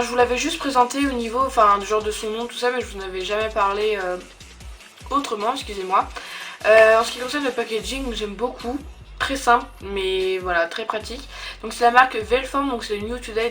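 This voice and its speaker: A woman's voice: medium pitch, fairly bright tone. A young woman chatting casually in a beauty product review, hesitant and full of fillers and restarts. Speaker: beauty vlogger.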